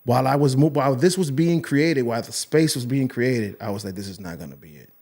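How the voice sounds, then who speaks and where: A young male podcast host talks quickly in a mid-range, slightly mellow voice. His casual chat is earnest and emotional, rambling along with many restarts.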